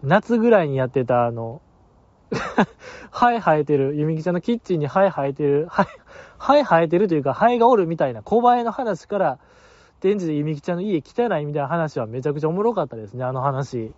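A man's voice: a little high, lively intonation, brisk, darkish tone, no echo. Chuckling Kansai man, rambling host. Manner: rambling, chuckling, many fillers. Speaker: radio host reading listener mail. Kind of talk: casual solo talk show. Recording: dull lo-fi dry recording.

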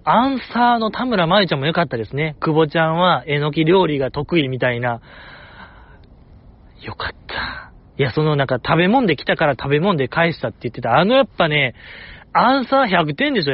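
A man's voice: a little high, lo-fi sound. A man with a Kansai accent hosting a podcast alone, chatting casually and repeating himself for emphasis. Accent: Kansai Japanese. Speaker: podcast host. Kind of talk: solo casual chat.

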